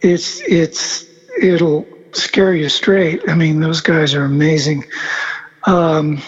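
In a casual conversational interview, a musician guest in his seventies, born in Argentina and raised across South America, tells stories in a relaxed, rambling way full of fillers. His voice is a little high and husky, and he takes it slowly. The audio is dull.

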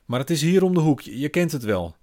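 A man's voice: mid-range voice, moderate pace, pitched above the performer's own voice, close to an everyday voice. A man putting on a weary, strained young mother. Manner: strained, trying to sound light.

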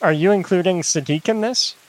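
A man's voice: high-pitched, brisk. A man narrating and role-playing as game master in a casual tabletop game.

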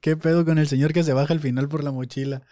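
A man's voice: a little high, fairly even intonation, fast talker, background noise. A man with a Mexican Spanish accent hosting a podcast, chatting in a casual, incredulous way with many fillers while reacting to videos on a close mic. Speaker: podcast host. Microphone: close studio mic.

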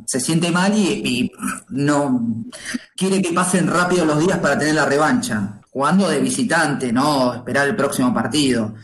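A man speaks as a guest in a casual conversation. He pauses and reflects as he talks, his mid-pitched voice carrying a roomy echo. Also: a bit bright. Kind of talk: casual chat.

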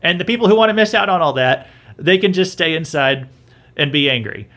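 A man's voice: on the high side, animated, a little fast, bright, forceful tone. A man hosting a podcast, talking through news in a casual, opinionated way, often restarting his sentences. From southern United States. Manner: conversational, repeats himself and restarts often. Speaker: podcast host. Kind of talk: opinionated commentary.

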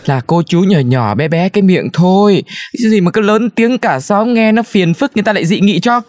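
A woman's voice: medium pitch, expressive, a little fast, a little mellow, natural voice. A woman playing a nosy, scolding old neighbor. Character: meddling older neighbor in the apartment block. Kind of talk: comedy skit acting. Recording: faint music underneath.

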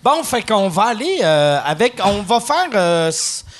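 Man, quebec french accent, high and very lively voice, joking host. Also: a little slow, a little hiss or hum. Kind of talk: casual chat.

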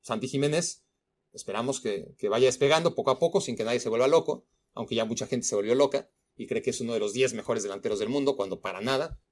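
A man's voice: mid-range voice, fast talker, a little mellow. A man giving casual, opinionated football analysis on a podcast, emphatic at times.

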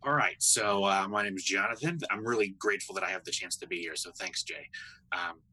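A man who is a computer scientist, a guest on a podcast, answering in a thoughtful, measured way. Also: sits low, pushed and bright, breathy edge, rough recording. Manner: thoughtful, measured, often asks "right?". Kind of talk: conversational interview answers.

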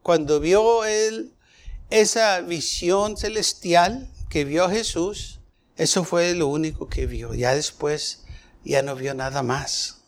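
Slow, high-voiced man preaching a Bible study. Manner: explains verse by verse, asking listeners questions. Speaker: preacher teaching a Bible passage.

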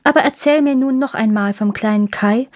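A woman's voice: a little high, brisk, lightly acted. A woman doing a bossy wild robber girl. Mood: blunt bossy. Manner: blunt, teasing, bossy.

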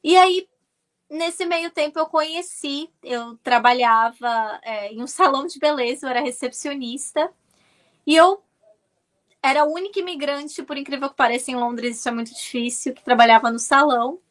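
A woman from Brazil, in her thirties, telling stories as an interview guest, animated and often restarting her words. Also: sits high, moderate pace. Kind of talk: casual storytelling.

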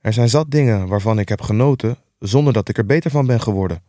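A man's voice: fairly low pitch, fast talker, mellow, no echo, natural voice. A man voicing a relentlessly cheerful young nephew in an audiobook reading, earnest, upbeat and pleading. The recording is dry and close.

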